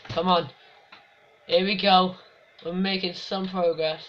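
Excitable young man cursing at a football game. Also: sits high, slow pace. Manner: excitable, swears, shouts at the game. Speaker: gamer playing football career mode. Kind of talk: casual gameplay commentary. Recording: dull lo-fi with faint hiss.

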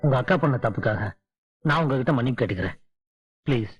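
A kind young fiancé, lively voice. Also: male voice, medium pitch, quick pace, slightly rough. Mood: tender. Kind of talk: 1990s Tamil film acting. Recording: dull film soundtrack, faint music.

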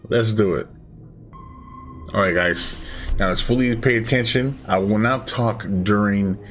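Gaming host, male, excitable and slangy, slow pace, lowish voice, game music behind. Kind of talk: casual let's-play commentary.

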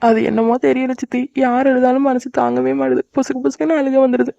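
A warm-hearted young married sister in a cartoon, acted by a woman talks at a very rapid clip in a mid-pitched voice. She fusses over everyone and is quick to tear up. The sound is dry and lo-fi. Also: fairly even intonation, no room sound, lightly acted. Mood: tearful. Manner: rapid, caring, cries easily. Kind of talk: cartoon voice acting. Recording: dry, dull lo-fi recording.

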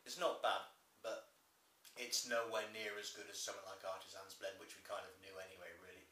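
A man's voice: deep voice, little pitch movement, brisk, sharp tone, a little hiss or hum. A man reviewing pipe tobacco in a rambling, chatty way with many restarts. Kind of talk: casual video chat. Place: room at home. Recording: echoey room, mic at a distance.

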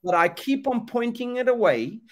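Speaking at normal speed in a very high-pitched, sing-song voice, this middle-aged man from Zambia delivers impassioned preaching. The clip comes from a webcam video call in an indoor room, where he repeats phrases and asks rhetorical questions with preacherly emphasis.

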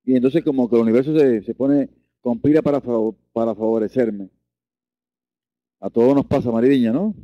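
A man's voice: normal speed, no room sound, lo-fi sound. A man teaching a Reiki lesson, earnest, often repeating and restarting his words. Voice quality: deep voice. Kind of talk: online lesson.

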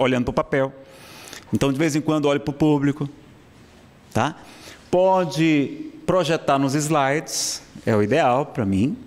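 A man's voice: mid-range voice, darkish tone. A Brazilian man teaching a public speaking class in a lecture room, talking conversationally and often checking in with the audience. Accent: Brazilian Portuguese. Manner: conversational, frequent "tá certo?" check-ins. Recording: long hall reverb.

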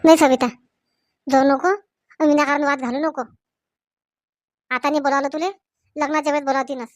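A firm young village husband, as a woman puts him on, scolding in a lowered voice with a Varhadi Marathi accent. The sound is dry and close. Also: fairly even intonation, brisk, no room sound, dull audio, close to an everyday voice. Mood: stern. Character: young husband, stern, trying to keep the peace. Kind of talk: comedy sketch acting.

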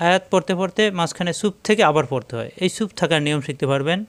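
A man teaching the rules of Quran recitation, slowly drilling each sound syllable by syllable. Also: a little high, lively intonation. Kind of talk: step-by-step tajweed lesson.

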